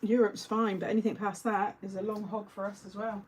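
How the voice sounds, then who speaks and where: A woman's voice: mid-range voice, little pitch movement, a little fast, a little mellow, slight background noise, poor audio. A woman hosting a live craft-along, chatting casually and answering viewer comments as she works. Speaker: craft show host.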